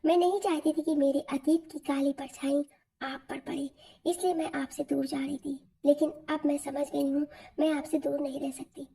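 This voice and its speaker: Tearful young girl begging her guy to stay, high soft voice, woman reading. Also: level tone, normal speed, creaky. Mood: pleading. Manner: tearful, pleading.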